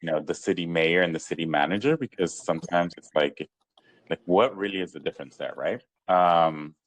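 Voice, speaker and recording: A man's voice: low-pitched, fairly quick, no echo, rough recording. A man hosting a podcast, chatting loosely with lots of fillers and easy laughs. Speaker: podcast host. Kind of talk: casual interview chat.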